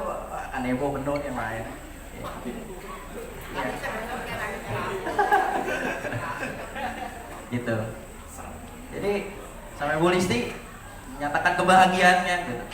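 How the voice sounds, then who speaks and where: Echoey teacher speaking to students. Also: male voice, on the high side, far from the mic, background noise. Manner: lively storytelling, asks students rhetorical questions. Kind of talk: farewell speech to graduating students. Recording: echoey room, voice from afar, audible ambience.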